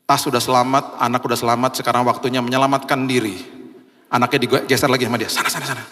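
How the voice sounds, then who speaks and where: A man's voice: flat delivery, quick pace, a bit bright. A man preaching a sermon as pastor, telling a story and acting out the people in it. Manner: storytelling, acts out quoted voices with big pitch jumps. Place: large church hall. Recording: long hall reverb.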